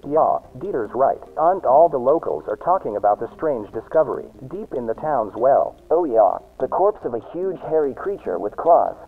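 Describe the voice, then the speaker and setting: A man's voice: mid-range voice, big pitch swings, moderate pace, gravelly, hardly any pauses, husky, voice pushed up, exaggerated voice. A man putting on a mock German accent to voice a cheerful, hammy German show host with a bouncy, sing-song delivery. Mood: cheery. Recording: tinny lo-fi tape with music.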